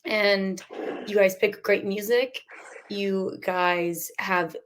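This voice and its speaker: A woman's voice: medium pitch, steady tone, extremely slow, slight background noise. A woman co-hosting a podcast in casual chat, bubbly and enthusiastic, laughing often. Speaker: podcast co-host.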